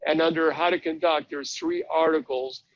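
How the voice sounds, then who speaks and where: A man's voice: a little high, flat delivery, normal speed, lo-fi sound. A man presenting a live online training session, chatting his way through a website step by step. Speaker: webinar presenter.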